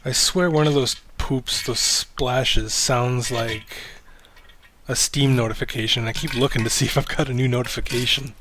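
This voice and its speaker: A man hosting a casual livestream chat, rambling and self-deprecating, swearing offhandedly in a low-key, fairly monotone way. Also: moderate pace, slight background noise. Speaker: livestream host.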